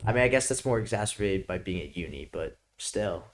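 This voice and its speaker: A man's voice: deep voice, animated, fairly quick. A young man with a New York accent, a student guest chatting casually and leaning on "like" a lot. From Brooklyn, New York. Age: young adult. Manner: laid-back, peppers speech with "like", laughs often. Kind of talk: casual chat.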